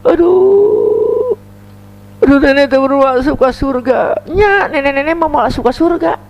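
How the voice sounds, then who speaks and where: Man doing a high, wailing, tearful old grannie in a sermon story. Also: expressive, a little slow, vocal fry, lo-fi sound, full character voice. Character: tearful old grandmother asking about paradise.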